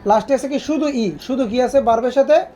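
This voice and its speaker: Woman teacher, high-pitched, drills the class with repeated questions. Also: brisk, dark tone, dull audio, a little hiss or hum. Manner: asks students repeated questions. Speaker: English teacher. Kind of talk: classroom grammar lesson.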